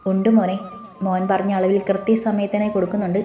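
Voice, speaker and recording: A woman voicing an affectionate middle-aged mother who worries and gently scolds. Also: medium pitch, level tone, fast talker, lo-fi sound, lightly acted. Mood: fond. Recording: roomy with faint music.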